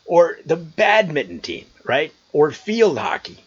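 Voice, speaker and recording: A man's voice: on the high side, huge pitch swings, a little slow, slightly rough, dull audio. An American man chatting casually and telling a story to his vlog viewers in an amused, conversational manner, outdoors. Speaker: vlogger. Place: outdoors on a trail.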